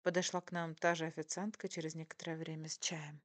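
A woman reads a first-person story aloud with a playful, teasing touch. Her voice sits fairly low and close to the mic. The sound is dry, with no room around it. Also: little pitch movement, fast, dry recording. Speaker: audiobook narrator. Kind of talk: first-person audiobook narration.

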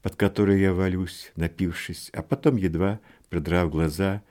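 A man voicing a learned adult scholar, soft-spoken and ironic, in an audiobook. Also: low voice, fairly even intonation, moderate pace, lightly acted. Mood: wry.

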